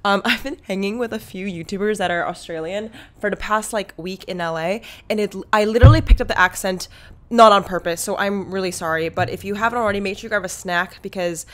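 A woman's voice: mid-range voice, fairly quick. A young woman YouTuber and entrepreneur chatting to camera in a playful, put-on British-Australian accent, jokey and self-mocking. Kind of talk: casual vlog talk to camera.

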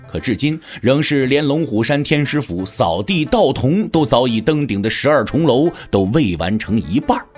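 Over background music, a medium-pitched male narrator reads a martial-arts novel in dramatic audiobook form. His delivery is measured and expressive, like a seasoned storyteller.

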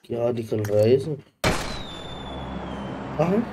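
This Indian-accented man in his thirties is a gaming live streamer casually chatting with viewers from a small indoor gaming room, reading and answering them while switching between Hindi and English. His medium-pitched voice is expressive, slow and warm, with a slight hiss or hum.

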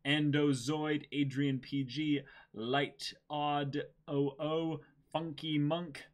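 A man's voice: fairly high pitch, little pitch movement, takes it slowly. A man co-hosting a stream in casual chat, playful with mock-formal asides. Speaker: streamer and co-host.

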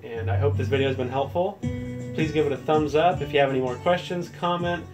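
Over music, a male tutorial host speaks briskly in a voice on the higher side, explaining a relaxed how-to step by step. The setting is an indoor room with audio gear, with clear background room noise on the recording.

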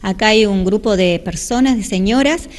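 A woman in her forties who volunteers at a church speaks at normal speed in a mid-range voice during a local TV interview in the church hall. Into the handheld reporter mic, she sincerely invites people in, sometimes sliding into a sermon.

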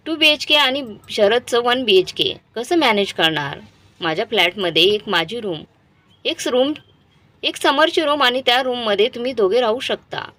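A woman voicing a grown elder son who talks quickly and pleads with his parents. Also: very high-pitched, sharp tone, no room sound, pitched above the performer's own voice, exaggerated voice. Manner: pleading, hurried.

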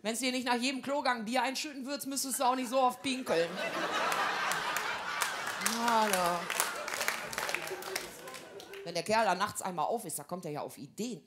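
A woman's voice: on the high side, moderate pace, long pauses, over a noisy crowd, heavy background noise. A woman delivering a stand-up comedy monologue in brash, gossipy housewife banter full of broad slang.

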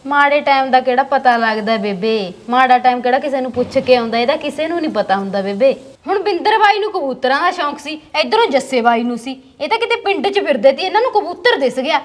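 A woman's voice: sits high, lively intonation, fast talker. A young woman with a Malwai Punjabi accent, playing a village woman who consoles her family in a matter-of-fact way. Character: comforting young village woman, steady and reassuring. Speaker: actor in a village short drama. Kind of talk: amateur village drama acting.

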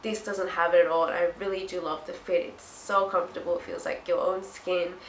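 Low-pitched, congested nasal young woman. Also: level tone, brisk. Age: young adult. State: sick with blocked nose and itchy throat. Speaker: fashion haul vlogger. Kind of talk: casual chat to camera. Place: small hard-walled room indoors. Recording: roomy echo, faint background noise.

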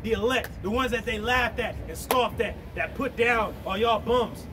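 A man's voice: very high voice, moderate pace. A man preaching informally on the street, explaining scripture in a brash, slangy, swearing manner. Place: outdoors on a sidewalk by a storefront. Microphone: camera a few metres away. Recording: noisy outdoor street recording, distant microphone, traffic.

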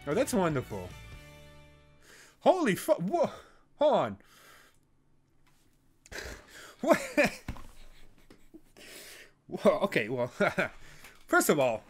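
Excitable, swearing man reacting to anime. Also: slow pace, pauses often, breathy edge, faint music behind. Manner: excitable, swears a lot, bursts of high-pitched laughter. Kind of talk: casual reaction commentary.

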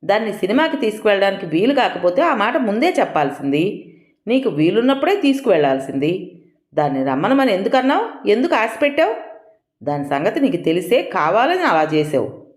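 A stern, accusing older uncle who presses with sharp questions, as a woman storyteller puts him on. The lines ride up and down with a lively swing, and an echoey room rings around the voice. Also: lowish voice, moderate pace. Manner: accusing, interrogating. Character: stern angry older man, protective uncle.

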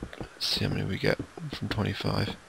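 A man co-hosting a casual game commentary, chatty and rundown-style, with a sleepy, croaky late-night voice. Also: lowish voice, monotone, a little fast, noisy background. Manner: chatty, tour-guide rundown with fillers. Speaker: let's play co-host.

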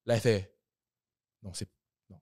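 A man's voice: moderate pace, no echo, studio quality. A man, a podcast guest chatting casually and acting out his family's lines as he tells stories. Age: 20s. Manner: animated storyteller, acting out family members' lines; mixes in English phrases mid-sentence. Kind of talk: casual chat.

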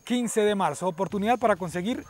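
Colombian male football pundit, quick and high-voiced, repeats himself, slight outdoor noise. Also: darkish tone. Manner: repeats words and phrases. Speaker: sports show co-host and analyst. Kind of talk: football discussion. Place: outdoors at night. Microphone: lapel mic, speaking through face mask.

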